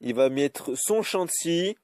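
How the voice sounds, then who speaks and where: A man giving live commentary over his own game, cursing often and swinging between high yelps and low grumbling. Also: animated, slow pace, a little mellow, dry recording, studio quality. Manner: swears freely, swings from yelps to grumbling mutters. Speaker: YouTube gamer.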